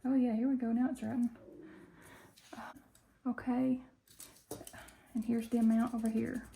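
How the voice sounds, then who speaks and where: A woman's voice: a little high, level tone, measured pace, gravelly, dark tone, slight background noise. A woman from Tennessee with a country Appalachian Southern accent, chatting casually and folksily to viewers as the host of a budgeting video.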